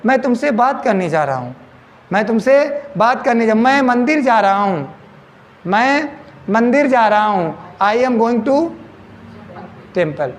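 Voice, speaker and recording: A man's voice: very high voice, slight background noise. A man teaching English grammar to a class, repeating each question back to his students. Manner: repeats questions to students, addresses them as beta. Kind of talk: classroom lesson in Hindi. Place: coaching classroom.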